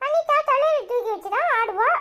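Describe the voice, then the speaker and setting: A woman's voice: very high voice, expressive, moderate pace, sharp tone, heavily acted. A woman voicing a young boy in a cartoon, loyal to his mother and defiant, speaking with a Tirunelveli Tamil accent. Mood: cheeky. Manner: defiant, cries and pleads by turns. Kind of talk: cartoon voice acting.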